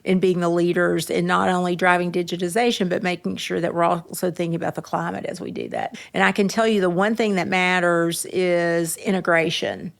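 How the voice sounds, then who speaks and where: Female exec panelist, low voice with gravel, confident delivery. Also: lively intonation, brisk, few pauses. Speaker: panel guest, executive. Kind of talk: panel discussion.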